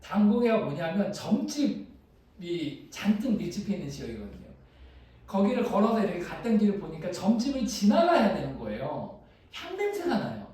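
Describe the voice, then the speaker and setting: A male pastor giving a sermon and telling a personal story, sometimes animated and sometimes dropping to a hushed voice. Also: high voice, normal speed. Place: small church room. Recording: echoey room picked up from a distance.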